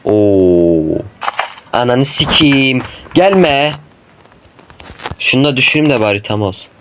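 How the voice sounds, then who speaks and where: A man cursing nonstop as he plays a horror game, yelling in panic when chased. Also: medium pitch, expressive, slow. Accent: Turkish. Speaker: gamer. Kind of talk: horror game let's play commentary. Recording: noisy home mic recording.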